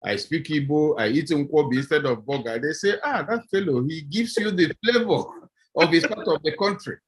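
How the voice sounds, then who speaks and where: Speaking at a moderate pace in a fairly high, slightly rough voice, this middle-aged Nigerian-accented man from southeast Nigeria is a professor on a video-call panel. He makes his arguments with animation, acting out small scenes.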